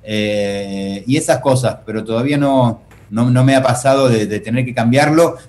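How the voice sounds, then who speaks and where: Argentine guy, mid-pitch voice, easygoing interview chat, faint hum behind him. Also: moderate pace, a little mellow. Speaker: actor, interview guest. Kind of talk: casual interview.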